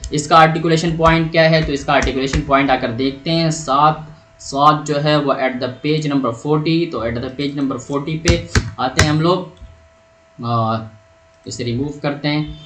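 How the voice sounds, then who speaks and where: A man with a fairly high voice gives a patient, step-by-step pronunciation lesson. He poses questions and answers them himself, and he draws out each letter sound slowly so learners can copy it. The recording is roomy and echoey. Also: steady tone, noisy background. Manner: stretches out letter sounds to demonstrate. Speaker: Quran reading teacher.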